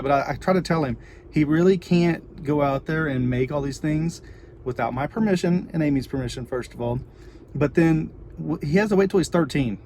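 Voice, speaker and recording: A man's voice: mid-range voice, darkish tone. A middle-aged man with a Texan accent, chatting casually and informally in a rambling livestream to viewers from inside a car. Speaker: vlogger and parent. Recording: noisy car with ambient background noise.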